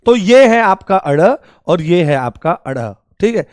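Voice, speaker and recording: High-voiced man teaching a grammar lesson. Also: animated, unhurried, a little mellow, smooth, dry recording, clean studio sound. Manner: repeats questions and answers them himself; calls listeners "babu" affectionately.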